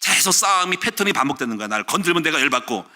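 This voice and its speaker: Animated, bright-voiced male pastor preaching. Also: a little high, racing. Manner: animated storytelling, acting out quoted shouts. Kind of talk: sermon.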